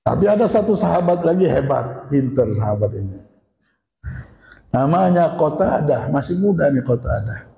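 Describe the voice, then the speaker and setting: A man's voice: sing-song, moderate pace, vocal fry, mellow. A man preaching a sermon in a mosque, retelling stories and acting out the quoted dialogue. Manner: acts out quoted dialogue with shifting pitch. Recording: echoey mosque hall with long reverb.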